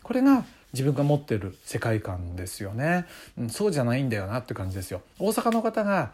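A man's voice: medium pitch, huge pitch swings, fast talker, darkish tone. A middle-aged man hosting a casual solo talk show, musing in a conversational way with many fillers. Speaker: podcast host.

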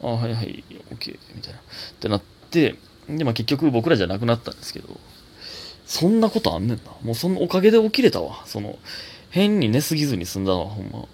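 A young adult comedian with a Kansai accent, hosting a solo casual talk show and reading listener mail in a chatty, self-teasing way. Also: male voice, medium pitch, fast talker, slight background noise. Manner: chatty, self-teasing, animated, laughs often. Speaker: comedian podcast host.

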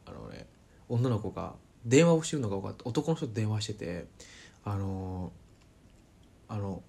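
Man, husky voice, lively pitch, chatty storytelling vlog, lots of fillers. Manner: chatty, many fillers, animated retelling. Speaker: vlogger. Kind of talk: casual storytelling to camera.

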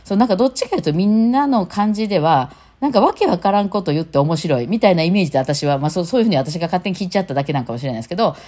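A woman with a Kansai accent hosting a solo talk show, chatting casually in a rapid-fire stream full of fillers. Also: on the low side, lively intonation, mellow. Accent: Kansai Japanese.

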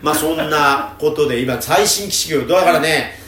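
A man hosting a casual podcast chat, telling stories in an animated, chatty way. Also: fairly high pitch, moderate pace. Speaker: podcast host. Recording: roomy with faint background noise.

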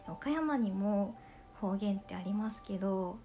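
Mellow-voiced Kansai-accented woman podcaster. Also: mid-range voice, expressive, unhurried, faint music behind. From Okayama, Japan. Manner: gentle, chatty, polite. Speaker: podcast host reading listener letters. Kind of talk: casual solo podcast chat.

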